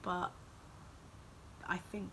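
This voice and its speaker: She's a rambling, casual vlogger in her 20s with roots in Wales and Australia, peppering her talk with "like." She draws out her words in a bright, forceful tone, over a bit of hiss or hum.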